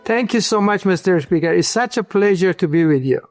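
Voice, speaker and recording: Man in his 60s from iran, gravelly higher voice, earnest, dry close sound. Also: animated, fairly quick, a little mellow, soft background music. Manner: earnest storytelling with small slips. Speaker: guest entrepreneur. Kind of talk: interview answers.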